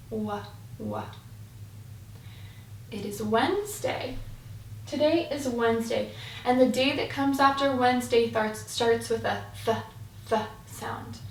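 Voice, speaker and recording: A woman presenting a lesson for young children as their teacher, in a singsong, encouraging way with simple phrasing. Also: fairly high pitch. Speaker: preschool teacher. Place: indoor room with a window. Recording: roomy, distant mic, faint noise.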